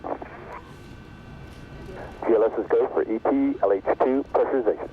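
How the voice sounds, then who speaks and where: A man's voice: mid-range voice, moderate pace. Guy calling go checks over a muffled radio loop, faint hiss, terse. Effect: crackly radio comms loop. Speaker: launch controller on the loop. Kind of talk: clipped countdown callouts.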